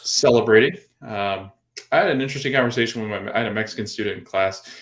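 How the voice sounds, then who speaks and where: Low-voiced man hosting a casual podcast. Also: fast talker, a bit bright. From Florida. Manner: rambling with many fillers and restarts. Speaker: podcast host. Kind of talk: casual chat.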